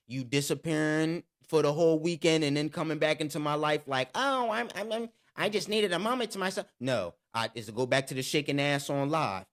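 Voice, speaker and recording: Laughing man telling a story. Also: medium pitch. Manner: animated storytelling, laughs while talking. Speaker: podcast co-host. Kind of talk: casual chat.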